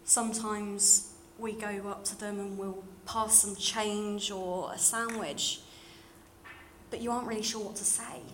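A woman's voice: medium pitch, fairly even intonation, a little slow, fairly bright tone, low-quality recording. A young woman from London with a modern British, slightly RP accent, giving an earnest, plain-spoken personal testimony talk to a church congregation. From London, England. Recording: clear background noise and room ambience.

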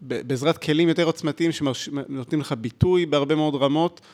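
A man's voice: fairly high pitch, a little mellow. A male podcast host speaking reflectively, thinking aloud as he frames his questions. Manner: thoughtful, searching. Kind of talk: reflective interview talk.

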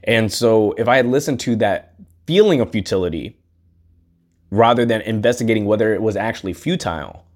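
Lowish-voiced man musing aloud. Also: expressive, fairly quick, darkish tone. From United States. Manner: earnest, rambling, swears casually. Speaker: podcast host. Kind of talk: casual solo monologue.

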